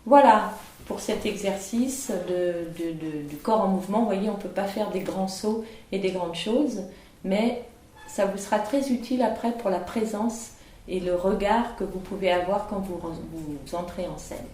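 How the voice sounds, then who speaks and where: A woman teaching an online acting lesson in a calm, instructive way, with over-articulated diction drills. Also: mid-range voice, measured pace, reverberant, a little hiss or hum. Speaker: drama teacher.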